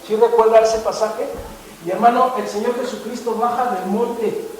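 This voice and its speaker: A man preaching with a strikingly high voice, emphatic and quizzing his listeners. He sounds distant from the mic, in a very echoey church hall with faint noise behind. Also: fairly even intonation, moderate pace. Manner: emphatic, asks the congregation questions. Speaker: pastor. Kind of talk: sermon with congregation questions.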